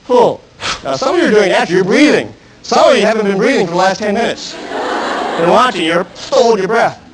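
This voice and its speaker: A man teaching a self-defense class, coaching step by step and shouting drill commands. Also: sits high, animated, normal speed, crowd noise, low-quality recording. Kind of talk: live class instruction. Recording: archive 1990s instructional video.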